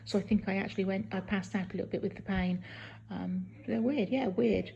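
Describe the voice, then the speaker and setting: A woman talking casually in a halting video diary from a hospital room, sounding weak and tired and in some pain hours after surgery. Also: medium pitch, fairly even intonation, dark tone, dull audio. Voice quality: husky, creaky. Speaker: patient recording a post-op video diary.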